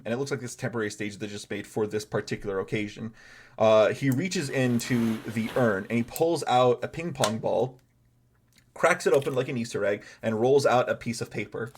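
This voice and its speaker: A man narrating as game master of a tabletop game, chatty and rambling, with many fillers and restarts. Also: medium pitch.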